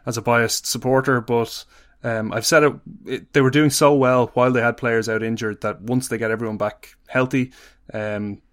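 A man's voice: fairly low pitch, fairly bright tone, dry recording, clean studio sound. An Irish man hosting a podcast, chatting casually with many ums and restarts, then running through player stats. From Ireland. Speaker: podcast host. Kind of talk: casual chat and stats rundown.

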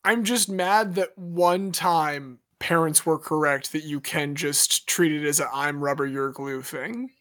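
Guy with a high voice tossing in dry jokes on a podcast. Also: unhurried, hardly any pauses, fairly bright tone. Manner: wry, joking asides. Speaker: podcast co-host. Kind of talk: casual chat.

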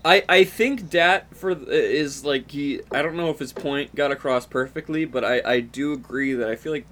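A man's voice: on the high side, moderate pace, a bit bright. A young man chatting on a group voice call, hesitant and stumbling over his words. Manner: hesitant, restarts a lot. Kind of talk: casual chat on a voice call. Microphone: voice call mic.

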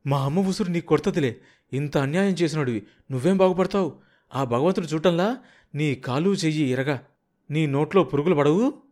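A defiant, bitter young village woman in an audiobook, as a male narrator puts her on. She drawls her words out and throws curses. The voice sits well above the reader's usual pitch. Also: expressive, darkish tone. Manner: drawn-out, cursing, defiant.

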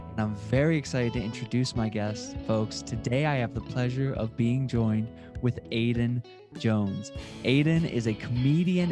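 A man hosting a podcast, chatting casually and dropping quick slang reactions. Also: medium pitch. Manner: friendly, hypey slang interjections. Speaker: podcast host.

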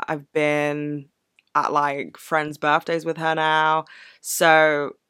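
A woman's voice: sits low, bright, forceful tone, clean tone, no echo, studio quality. A woman vlogger telling a personal story in a candid, earnest, casual way. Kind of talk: casual reflective Q&A vlog.

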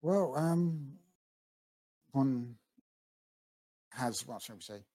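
A man's voice: medium pitch, expressive, very slow, dark tone, voice pushed up, heavily acted. A man voicing a sly elderly male sorcerer who talks in a genteel, drawling way.

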